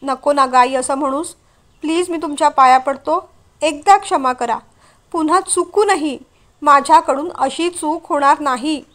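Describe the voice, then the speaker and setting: A guilty teenage boy begs his parents to forgive him, his voice tearful and pleading, as a woman acts him out in a storybook reading. The voice sits high. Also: a little slow, a bit bright. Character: remorseful teenage son begging forgiveness.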